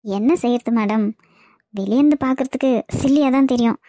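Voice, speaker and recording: Woman voicing soft-spoken young wife, high and mellow. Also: a little fast, no echo, clean studio sound, natural voice. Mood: resigned. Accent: Kanyakumari Tamil. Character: anxious young pregnant wife.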